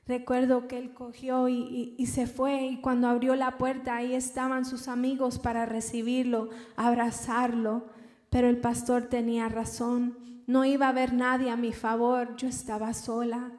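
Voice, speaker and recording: A young woman giving an emotional personal testimony in church, halting and repeating words as she recounts. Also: a little high, completely flat delivery, a little mellow. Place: large church hall. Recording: reverberant church hall.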